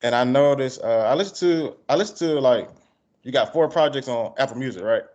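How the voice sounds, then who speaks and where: A man's voice: mid-range voice, lively intonation, fairly quick, darkish tone. A man with a country Georgia Southern accent, interviewing casually in heavy slang. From Georgia, United States. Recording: dull, lo-fi call audio.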